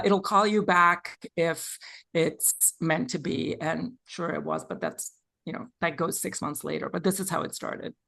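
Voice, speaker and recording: A man from Serbia in his forties, giving thoughtful, measured interview answers as a Reiki practitioner. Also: high-pitched, vocal fry, a bit bright.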